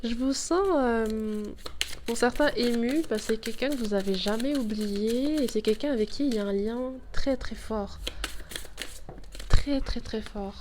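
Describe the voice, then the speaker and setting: Against a noisy background, a woman with a cold gives a casual tarot reading to camera, her voice a little high and her pace unhurried. She chats and thinks aloud while drawing cards, laughing at her own fumbles.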